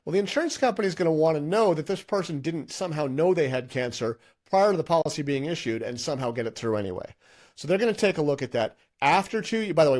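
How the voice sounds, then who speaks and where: A man's voice: on the high side, a little mellow. A middle-aged man teaching an exam-prep lesson with slides, in a conversational way with many restarts and fillers. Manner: conversational, thinks aloud with frequent restarts and fillers. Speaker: licensing instructor.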